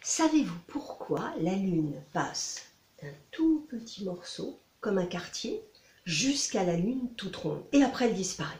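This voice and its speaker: A woman storyteller telling a children's tale in a library, playful and dramatic, with drawn-out words and pauses. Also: mid-range voice, big pitch swings, darkish tone. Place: public library. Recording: echoey room.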